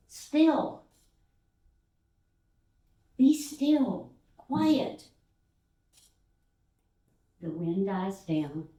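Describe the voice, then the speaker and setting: An older woman from Texas, a guest speaker giving a sermon, telling stories with fillers and acting out the voices of the people in them. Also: fairly low pitch. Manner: animated storyteller who acts out voices, with fillers. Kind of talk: storytelling sermon. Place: church sanctuary. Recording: roomy sound from a distance.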